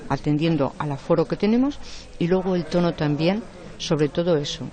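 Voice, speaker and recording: A woman teaches an online class. Her voice is strong and forceful. She explains each point patiently and checks in with short tag questions along the way. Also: sits low, normal speed. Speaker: lecturer. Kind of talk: online lecture.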